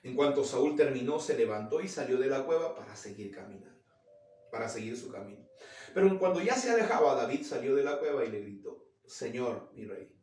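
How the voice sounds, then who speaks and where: A man's voice: mid-range voice, big pitch swings, brisk, a little mellow. A male pastor preaching a sermon, retelling a story and asking the congregation earnest, direct questions. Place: church. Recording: roomy echo, mic at a distance.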